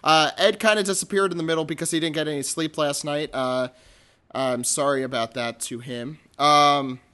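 A man hosting a podcast in a casual, unscripted way, halting and stumbling over his words. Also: a little high, steady tone, sharp tone, clean tone. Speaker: podcast host.

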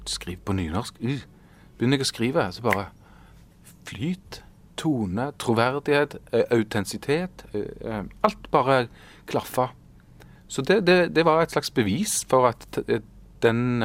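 A man in his forties, an artist talking in an interview, thoughtful and searching for words with many fillers and restarts. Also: medium pitch. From Norway. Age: 40s. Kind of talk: casual interview conversation.

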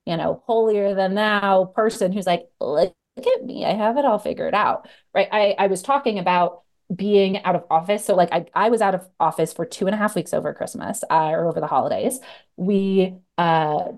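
A woman career coach, a guest on a podcast, talking casually and acting out her inner thoughts in little voices. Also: lowish voice. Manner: lively, talks in acted-out inner dialogue.

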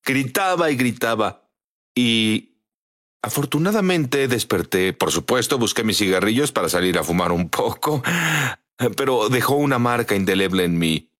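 Man, middle-aged, interview guest, earnest testimony, lively pitch. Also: moderate pace. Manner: earnest storytelling.

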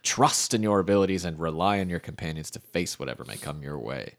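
A man's voice: low-pitched, lively intonation, fast. A young man narrating an AI-run tabletop game, reading the text aloud and joking in between. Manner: reads narration aloud, breaks off laughing and joking.

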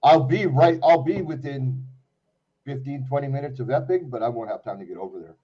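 A man's voice: mid-range voice, brisk, slightly rough. A man calling in to a casual talk show from an unfinished concrete basement, his voice hollow and boxy, as if inside a barrel. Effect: hollow boxy sound, like talking inside a barrel. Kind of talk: casual chat. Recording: dull boxy lo-fi remote call.

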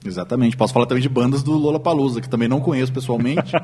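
A man's voice: medium pitch, very fast, dark tone, a little hiss or hum. A man with a Brazilian Portuguese accent co-hosting a casual podcast chat over drinks, full of sarcastic wisecracks. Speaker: podcast co-host.

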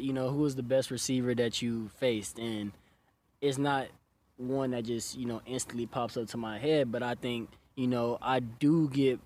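A man in his twenties with a medium-pitched voice talks as a college football player. He answers an interviewer casually, in loose conversational phrases. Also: a little mellow, a little hiss or hum. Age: 20s.

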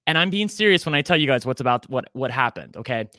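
A man in his forties co-hosts a podcast, chatting in a campy, self-deprecating way. His mid-range voice is animated, bright and forceful, moving at a quick pace with no room sound.

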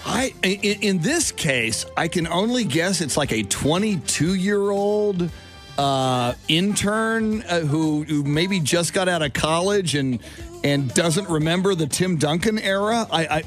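A man co-hosting a sports talk show, casual and halting, repeating words as he reasons. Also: high voice, animated, faint music behind. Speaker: sports radio co-host.

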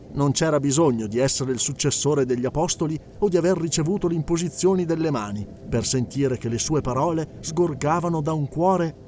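A man narrating an audiobook in a steady, measured storytelling manner. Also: mid-range voice. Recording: faint background hiss.

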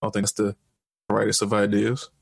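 A man's voice: lowish voice, monotone, a little fast, creaky, no echo, clean studio sound. A man hosting a casual podcast, laid-back and profane, laughing often as he reads out news items. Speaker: podcast host. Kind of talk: casual chat.

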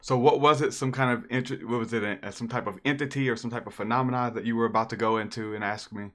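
A man hosting a casual live-stream interview, relaxed and folksy, with a religious slant to his talk. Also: mid-range voice, quick pace.

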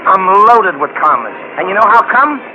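An actor playing a dim-witted, good-natured cab driver with rough, slangy New talk who mangles big words, in 1940s radio comedy style. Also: male voice, high-pitched, sing-song, moderate pace. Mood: dopey. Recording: muffled old radio broadcast with hiss.

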